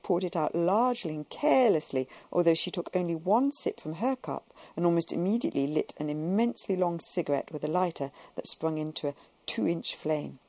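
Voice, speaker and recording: A woman narrating a novel in a measured, even storytelling manner. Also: fairly low pitch, no room sound. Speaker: audiobook narrator. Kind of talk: scripted narration.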